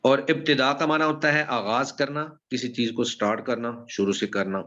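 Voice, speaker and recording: Male religious teacher, measured lecturing, muffled lo-fi sound. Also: mid-range voice, bright, forceful tone. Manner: slow explanatory, stresses example phrases. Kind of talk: classroom lecture on Quran recitation.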